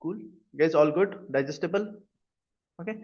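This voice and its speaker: High-pitched Indian-accented man teaching, dull audio. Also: normal speed, darkish tone. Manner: repeatedly checks understanding with short tag questions. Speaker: cloud computing instructor. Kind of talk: live online class lecture. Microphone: video call. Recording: dull, lo-fi video-call audio.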